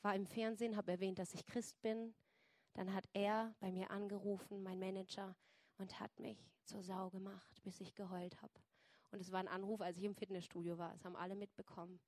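A woman's voice: medium pitch, level tone, fairly quick, a little mellow, no echo. Earnest woman telling her faith story. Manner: earnest storytelling, addresses listeners directly. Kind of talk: personal testimony to an audience.

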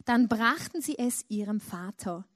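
A woman with a high voice preaches in an unhurried, deliberate way. She tells a story and climbs into dramatic emotional peaks. The sound is dry and close. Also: expressive, no echo. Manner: storytelling, with dramatic emotional rises into imagined cries. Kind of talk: sermon.

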